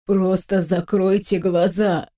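A woman reading an audiobook voices a wounded young male swordsman who speaks formally and politely, in a slightly lowered voice. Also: flat delivery, slow pace, warm tone. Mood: weak, pleading. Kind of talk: audiobook character voice.

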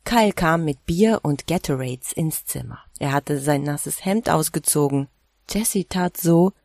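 A woman narrating a novel in a calm, even storytelling manner, lightly voicing the characters' dialogue. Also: low-pitched, husky, dry recording, clean studio sound. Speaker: audiobook narrator. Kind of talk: scripted narration with voiced dialogue.

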